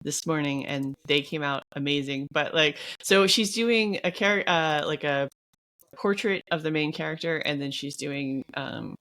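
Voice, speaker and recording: A woman co-hosting a podcast, talking casually with many pauses and fillers. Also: deep voice, fairly bright tone. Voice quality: hesitant, filler-heavy, giggly storytelling. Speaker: podcast co-host. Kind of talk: casual chat.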